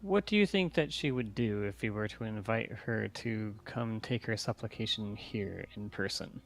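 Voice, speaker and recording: A man's voice: fairly low pitch, moderate pace, vocal fry. A man speaking as a suspicious adventurer in a tabletop game, asking pointed questions. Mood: probing.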